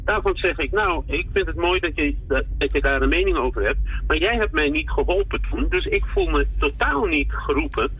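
A man phoning in to a radio show, heard over a telephone line, talking haltingly with many fillers and restarts. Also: a little high, big pitch swings, fairly bright tone, slightly rough. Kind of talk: call-in radio conversation. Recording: muffled phone-line audio.

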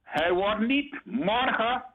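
A man's voice: high-pitched, expressive, slow, phone-quality sound. A man, calling in by phone to a radio show and chatting in a jokey, sing-along way. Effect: phone-in caller heard over the radio. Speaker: radio call-in listener. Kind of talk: casual chat.

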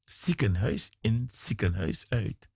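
Gravelly, slow preacher. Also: male voice, lively intonation, no echo, studio quality. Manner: dramatic preaching with big swings in pitch; slow and emphatic, repeating phrases. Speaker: guest preacher. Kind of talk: radio sermon.

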